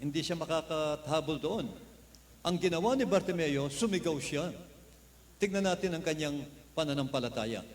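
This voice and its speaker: A fervent male preacher from the Philippines delivers a revival sermon in a high voice, repeatedly calling for an amen. His words echo with long reverb across a large crusade venue. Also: moderate pace.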